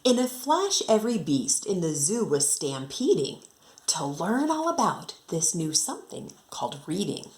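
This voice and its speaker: An American second grade teacher reads a picture book aloud to her pupils, expressive and rhythmic, adding casual explanatory asides. Her voice is fairly low, sing-song and a little slow.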